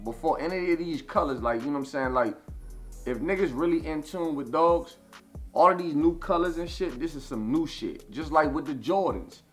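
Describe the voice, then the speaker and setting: A man's voice: on the high side, normal speed, soft background music. Rambling profane man in his thirties. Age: 30s. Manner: rambling, repeats "you know what I'm saying", profane. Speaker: interview guest. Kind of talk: casual storytelling.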